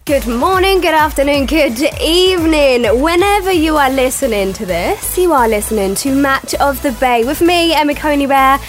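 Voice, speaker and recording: Excitable high-voiced woman. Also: moderate pace, few pauses, soft background music. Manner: excitable, teasing. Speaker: podcast host. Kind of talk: casual football banter.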